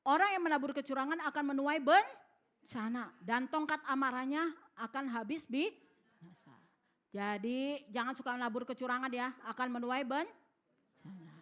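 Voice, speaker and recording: A high-pitched, middle-aged woman pastor preaches in church. She tells her story in a lively way, slipping into the voices of its characters. She keeps asking her listeners to answer her. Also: normal speed. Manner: animated, acts out voices in her stories, asks the congregation for responses. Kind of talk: sermon with storytelling. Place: church hall.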